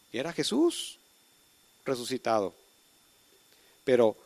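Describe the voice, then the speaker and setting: A man preaching a sermon, emphatic, with sudden swings from soft to loud. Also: fairly high pitch, dry recording.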